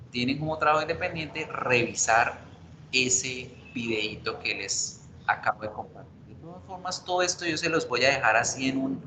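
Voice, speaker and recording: A man teaching an online English class, explaining grammar rules step by step, switching between Spanish and English and checking in with the class. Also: medium pitch. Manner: spells out letters and asks the class for confirmation. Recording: roomy with background noise.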